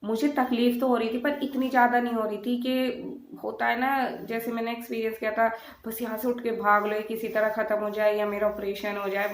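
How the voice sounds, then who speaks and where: A woman's voice: medium pitch, echoey room. A young woman vlogger telling her own birth story, retelling it vividly and acting out her own pleading. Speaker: mom vlogger. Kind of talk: personal birth story vlog.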